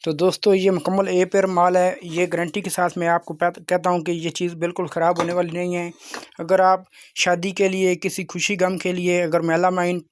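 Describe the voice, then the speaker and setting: A man hosting an informal video sales pitch, insistent and repetitive like a salesman. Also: monotone, normal speed. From Pakistan. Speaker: YouTube channel host selling crockery.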